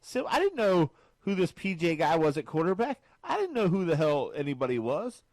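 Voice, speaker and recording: Hombre animado charlando de deportes. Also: male voice, brisk, dry recording. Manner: animated, jokey, swings pitch high when excited. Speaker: podcast co-host. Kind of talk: casual sports chat.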